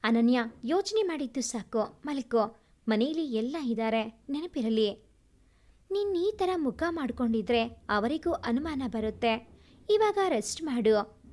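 A woman voicing a caring young husband who speaks gently and reassuringly in a storybook reading. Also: on the high side, expressive, measured pace. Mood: tender, coaxing. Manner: earnest, reassuring.

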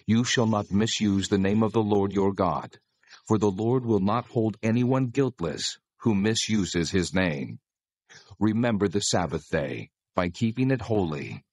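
An actor playing God as a solemn, commanding lawgiver in dramatized scripture, speaking in a measured, authoritative way with a husky voice. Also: male voice, on the low side, expressive, a little mellow, dry recording, exaggerated voice.

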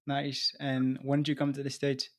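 A young Ethiopian man hosts a casual interview podcast in a small indoor room, laid-back and easygoing, with lots of slang. His medium-pitched voice is monotone at a normal speed, recorded on a desk studio mic with studio quality and no room sound.

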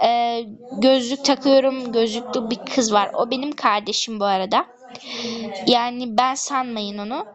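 A high-voiced woman chats casually over her gameplay. She talks to her viewers in a chatty, gossipy way and keeps drifting into complaining asides. Her voice sits well above the usual range. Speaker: gaming YouTuber.

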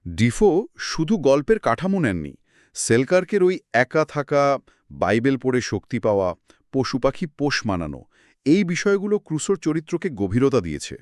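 With huge pitch swings and a slightly mellow voice, a man co-hosting a scripted history conversation explains events in clipped, short clauses at normal speed, occasionally musing aloud with a question. The recording is close and dry, free of room sound.

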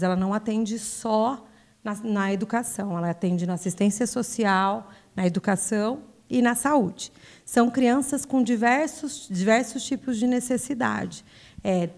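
A woman's voice: medium pitch, darkish tone. A woman, explaining things in an interview into a handheld microphone. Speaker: school director. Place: indoors, small room.

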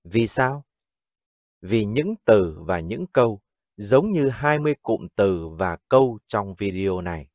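Slow, deliberate Vietnamese-accented male teacher. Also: fairly low pitch, very animated, darkish tone, no room sound, clean studio sound. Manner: slow, deliberate drilling of English phrases. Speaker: English teacher. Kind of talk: language lesson, repeating phrases slowly.

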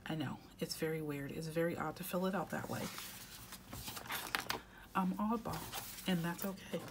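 Congested from a head cold, a woman fills in her weekly planner at home and chats casually, frequently dropping to a half-whisper. Her voice sits low and moves at a moderate pace. The background is noisy in this planning vlog.

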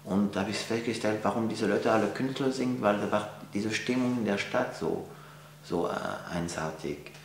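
In an echoey gallery with a faint hum, a French painter in his forties replies to interview questions in French-accented German. He speaks at normal speed in a fairly low voice, with frequent fillers and restarts.

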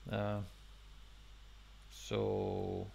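A man's voice: low voice, big pitch swings, extremely slow, creaky, dark tone, a little hiss or hum. Guy walking thru code on screen, says uh a lot, restarts sentences, talks at a desk mic. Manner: thinks aloud with many fillers and restarts, non-native phrasing. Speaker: webinar host and programming instructor. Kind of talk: live coding tutorial.

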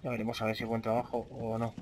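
A man's voice: medium pitch, monotone, fast, darkish tone, slight background noise. A man with a Spain Spanish accent giving casual let's play commentary, chatting freely with his viewers and swearing often. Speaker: gaming channel host.

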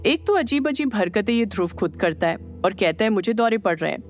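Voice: mid-range voice, lively intonation, brisk, soft background music, close to an everyday voice. A narrator voicing an irritable, sarcastic young male spirit in an audio drama. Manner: snappish, sarcastic.

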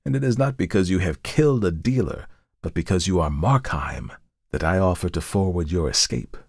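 A man doing a calm, knowing visitor judging a sinner. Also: low voice, vocal fry, husky, no room sound, studio quality, pitched below the performer's own voice, exaggerated voice. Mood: lecturing. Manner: measured, coolly insistent. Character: calm, knowing male visitor who judges a murderer. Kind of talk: dramatic audiobook reading.

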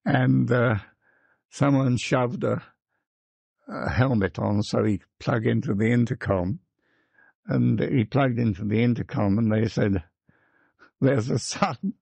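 An elderly man recalls his flying days in a slow, gravelly voice with a husky edge. He rambles fondly, circling back with little asides. The sound is close and dry. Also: mid-range voice, darkish tone, no echo. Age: older. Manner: chatty, rambling, fond of "you see" and "actually". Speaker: wartime flying boat pilot recalling service. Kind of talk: reminiscing interview.

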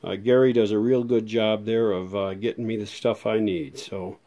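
A man's lowish, warm voice moves at a moderate pace with fairly even intonation as he casually repairs a vintage radio on camera at his workbench. His talk is rambling and hesitant, full of fillers, recorded one-handed on a handheld phone while fluorescent lights hum in the background.

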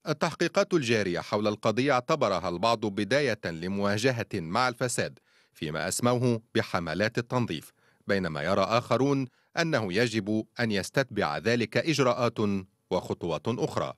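A man reporting in a formal, steady, scripted news narration. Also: on the low side, fast, dry recording, studio quality.

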